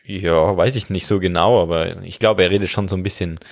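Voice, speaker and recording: A man co-hosting a comedic podcast, relaxed and musing. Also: deep voice, brisk, gravelly. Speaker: podcast host. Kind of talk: casual comedic chat.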